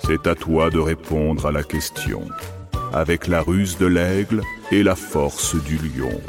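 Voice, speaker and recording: A man voicing a proud, wise male griffon with a deep booming voice, speaking slowly and solemnly. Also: music in the background, heavily acted. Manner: slow, solemn.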